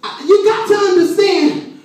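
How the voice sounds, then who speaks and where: A woman preaching a sermon in a church, her voice swelling into shouted, sing-song passages, recorded on a phone from across the room. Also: sits high, moderate pace. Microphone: phone camera from across the room. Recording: echoey church hall from far off.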